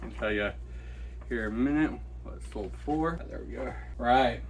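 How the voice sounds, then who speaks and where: Packing and shipping orders on camera, an online reseller chats casually, thinks out loud, and thanks each buyer by name. He speaks at a moderate pace in a mid-range voice, with a little background noise.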